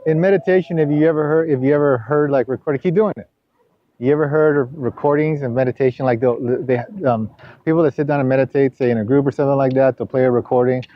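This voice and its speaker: Male coach, mid-pitched, rambling instructive talk, muffled lo-fi recording. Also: steady tone, fast, no echo. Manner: rambling, repeats himself with many restarts; rises loud and high when scolding. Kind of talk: sports coaching session. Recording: dull lo-fi camera audio.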